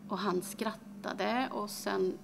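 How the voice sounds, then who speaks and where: Brief: a woman playing a grieving middle-aged mother in a dramatic monologue, creaky and halting, over a noisy hiss. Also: medium pitch. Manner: halting, hesitant, many pauses and fillers. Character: grieving mother, middle-aged, recalling her daughter's death. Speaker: actress performing a monologue.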